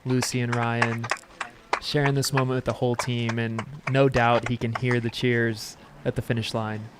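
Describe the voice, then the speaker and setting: Mid-pitched man, calm live race commentator, noisy line. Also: normal speed.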